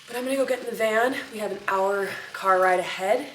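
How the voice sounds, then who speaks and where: A woman's voice: mid-range voice, brisk, a bit bright, a little hiss or hum, low-quality recording. A young woman chatting casually to camera as a running vlogger, in an informal, chatty way. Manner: informal, chatty, mild swearing.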